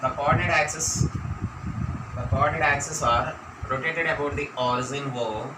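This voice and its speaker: A man with an Indian accent gives a classroom maths lecture, dictating points and saying phrases over again. His voice sits at some distance from the microphone in a roomy, echoing space. There is clear background noise throughout. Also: a little high, moderate pace. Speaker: mathematics teacher. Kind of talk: classroom lecture for exam students. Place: echoey room, teaching at a board.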